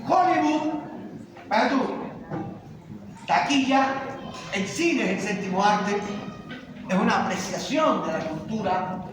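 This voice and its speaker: Cuban-born male teacher, high voice, emphatic lecturing full of rhetorical questions; distant, very echoey classroom recording with noise. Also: lively intonation, slow pace, pauses often. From Cuba.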